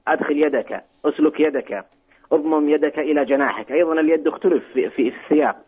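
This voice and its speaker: A man from Saudi Arabia is heard over the phone, his voice thin and tinny through the line. He talks very fast with a husky, slightly raspy tone. He hesitates and restarts his phrases as he gropes for the right words. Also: a little high. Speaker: caller to a religious call-in program. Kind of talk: phoned-in question.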